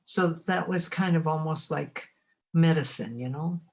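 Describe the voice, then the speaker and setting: A woman from Montana in her eighties, low-pitched with a darkish tone, shares memories of her life during an oral history interview. She is reflective and unhurried, her speech broken by frequent pauses as she looks for words.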